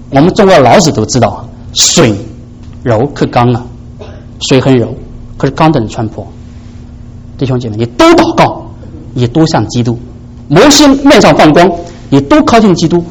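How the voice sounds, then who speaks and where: A man preaching a sermon to his congregation, asking rhetorical questions and swinging from soft low asides up to high, emphatic peaks. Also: husky, low-quality recording. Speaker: pastor.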